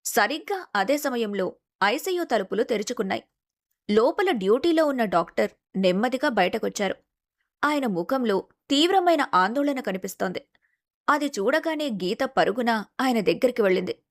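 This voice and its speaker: A woman narrating a scripted family drama in a steady storytelling manner. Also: a little high, normal speed.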